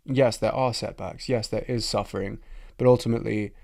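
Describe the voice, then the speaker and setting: A man's voice: lowish voice, fairly even intonation, fairly quick, gravelly, darkish tone. A man hosting a podcast, talking in casual chat, frank and reflective, swearing freely. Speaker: podcast host.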